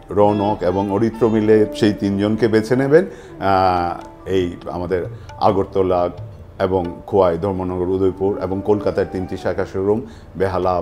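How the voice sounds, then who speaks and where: A man hosting a lucky draw event, presenting in a semi-scripted way with halting, deliberate phrasing and frequent pauses. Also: fairly low pitch, a little mellow. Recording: music playing behind the voice. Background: music.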